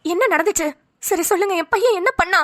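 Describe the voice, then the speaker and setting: A woman's voice: extremely high pitch, quick pace, fairly bright tone, no room sound, studio quality, pitched above the performer's own voice. Woman doing a worried, pleading cartoon mother. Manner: anxious, pleading. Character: worried middle-aged mother, female. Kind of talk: cartoon voice acting.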